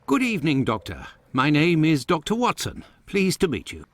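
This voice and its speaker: An actor playing a courteous, proper Victorian gentleman doctor in a video game, questioning formally and politely. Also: fairly high pitch, huge pitch swings, moderate pace, dry recording.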